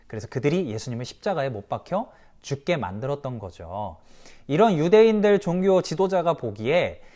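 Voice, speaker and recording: A pastor gives a children's sermon, telling the story with energy, putting questions to the kids, and performing the voices of the characters. His voice sits a little high and he speaks at an ordinary pace.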